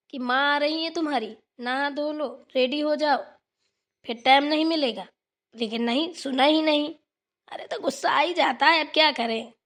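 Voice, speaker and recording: A woman voicing a scolding middle-aged village mother-in-law in a cartoon, sharp and nagging. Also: high-pitched. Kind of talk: cartoon voice acting.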